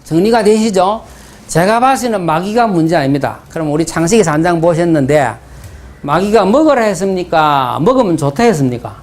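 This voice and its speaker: A man's voice: sits high, expressive, a little fast. A man with a Gyeongsang Korean accent, preaching a sermon as pastor, asking the congregation rhetorical questions and telling stories in dialect. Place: church sanctuary.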